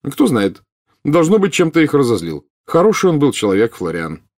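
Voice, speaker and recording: A man voicing a relaxed, wry young wizard who talks with hesitant fillers. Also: mid-range voice, normal speed, pitched above the performer's own voice. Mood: grim. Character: easygoing young adult wizard brother, wry.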